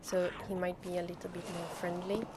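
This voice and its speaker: A woman's voice: lowish voice, completely flat delivery, a little fast, background noise. A woman playing a video game and commenting as she goes, anxious and exclaiming, often talking to herself. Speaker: gaming channel host. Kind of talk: let's play commentary.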